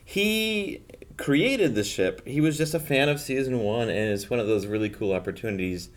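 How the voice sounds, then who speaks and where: A man's voice: medium pitch, animated, moderate pace. A man, a show's co-creator and director, chatting casually on a podcast with many ums and restarts. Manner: hesitant, many fillers.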